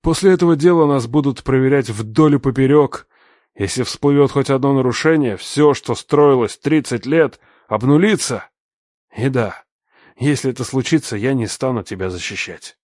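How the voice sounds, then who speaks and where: A man's voice: medium pitch, moderate pace, darkish tone, no echo, clean studio sound, voice pushed up, natural voice. A man voicing a stern, furious older father who runs a company, barking commands in an audiobook reading. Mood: cold, threatening. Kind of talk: audiobook narration.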